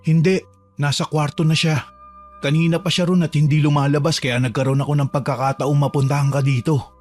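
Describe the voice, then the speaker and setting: A man voicing a calm, protective gardener who reassures a trapped girl in a horror drama. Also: brisk, natural voice. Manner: calm, reassuring, low-key. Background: faint music.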